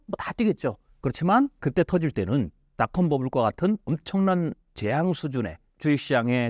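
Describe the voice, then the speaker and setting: A futurist appears as an interview guest, speaking in a male voice on the high side with a darkish tone. The recording is studio quality with no echo, and he explains things emphatically, leaning on rhetorical questions.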